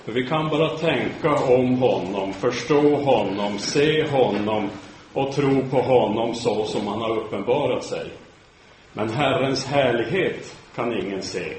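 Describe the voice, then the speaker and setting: A man giving a sermon lecture in a measured, solemn way, sometimes restarting words. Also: mid-range voice, darkish tone. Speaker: preacher giving a talk. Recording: very echoey room, faint background noise.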